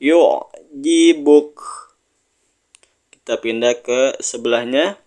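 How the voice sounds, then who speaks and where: Smooth-voiced man teaching slow recitation. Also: medium pitch, steady tone. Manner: drawn-out sung recitation of words, then plain explanation; invites listener to read along. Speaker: Quran reading teacher. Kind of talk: step-by-step recitation lesson.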